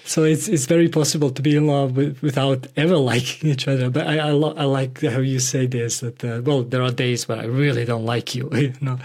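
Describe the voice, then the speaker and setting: Brief: male podcast host, mid-pitched, halting, lots of uh between words. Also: steady tone, a little mellow. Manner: hesitant, many fillers and restarts. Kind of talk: conversational interview.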